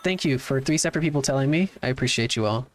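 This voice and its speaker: A man's voice: mid-range voice, very fast, soft background music. A man streaming a game live, chatting casually and answering his chat in a laid-back way. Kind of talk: casual livestream chat while playing.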